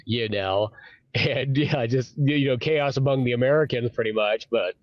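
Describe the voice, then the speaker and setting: A man's voice: mid-range voice, moderate pace, no room sound. A man co-hosting a podcast in casual chat, laughing often and swearing freely. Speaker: podcast co-host. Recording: dry, dull lo-fi sound.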